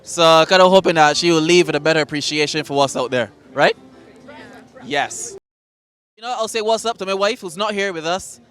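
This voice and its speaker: A man's voice: a little high, a little fast, fairly bright tone. A man, chatting casually and jokingly to an interviewer at an outdoor concert. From Barbados. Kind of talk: casual vox-pop chat.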